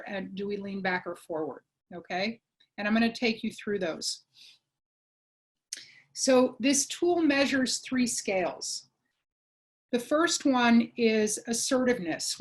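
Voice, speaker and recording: A woman giving an online workshop presentation, explaining clearly and checking in with her listeners with a frequent "okay?". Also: fairly high pitch. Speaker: webinar presenter.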